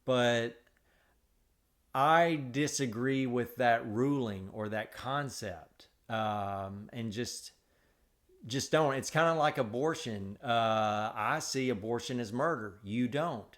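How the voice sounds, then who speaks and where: Male podcast co-host, deliberate and halting, debating casually. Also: medium pitch, fairly bright tone. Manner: halting, many restarts and fillers.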